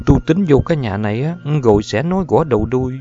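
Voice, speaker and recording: A man voicing a calm, cheeky young village girl who talks back glibly, on a dull lo-fi recording. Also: medium pitch, fast, pitched above the performer's own voice, close to an everyday voice. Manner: glib, cool back-talk.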